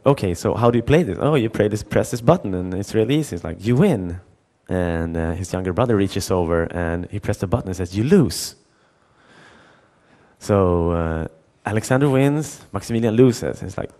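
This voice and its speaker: In a lowish voice with a darkish tone, a middle-aged conference speaker narrates a story, acting out its dialogue while frequently restarting and repeating words.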